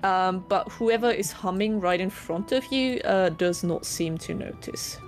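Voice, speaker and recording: A woman game master narrating a tabletop game casually and haltingly, as if thinking aloud. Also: mid-range voice. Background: background music.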